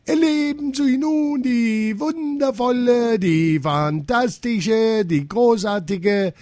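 Ein Mann, der einen pompösen Zirkusdirektor spielt, der in gedehnten, krähenden Ausrufen Reden hält. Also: male voice, slow, no echo, studio quality. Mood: grandly declaiming. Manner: grandly declaiming, crowing falsetto shouts. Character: pompous male circus director, loves giving speeches.

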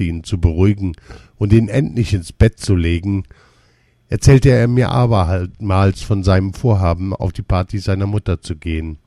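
A man reading a first-person story as a care worker, calm and measured. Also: low-pitched, dry recording.

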